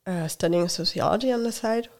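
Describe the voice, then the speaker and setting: A woman's voice: fairly low pitch, fairly quick, darkish tone. A woman from Hungary talking as a guest in a casual interview, hesitant, with many fillers and laughs, tired from little sleep.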